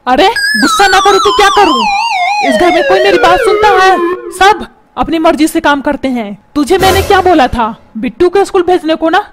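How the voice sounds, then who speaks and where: A woman voicing a short-tempered middle-aged cartoon father who yells and scolds his family. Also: very high-pitched, big pitch swings, normal speed. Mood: angry. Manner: yelling, scolding, self-pitying. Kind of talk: cartoon voice acting. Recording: music playing underneath.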